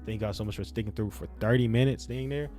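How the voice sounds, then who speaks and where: A young man with a lowish, mellow voice talks fast over faint background music. He's a YouTube gaming creator with what he calls a slight speech impediment, rambling through casual, opinionated game commentary full of slang and repeated phrases for emphasis.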